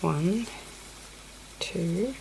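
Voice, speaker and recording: Speaking very slowly in a fairly low, gravelly, slightly mellow voice with lively intonation, a sniffly woman with a cold teaches crochet over close-ups of her hands. She counts stitches under her breath and apologizes in asides, and the poor audio has slight background noise.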